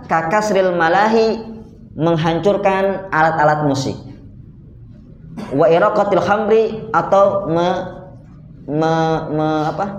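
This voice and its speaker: A man teaching a religious study lecture, speaking to his listeners in a conversational way with rhetorical questions. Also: high-pitched. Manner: addresses listeners directly as "sir". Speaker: Islamic teacher. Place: mosque hall. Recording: roomy, dull lo-fi recording.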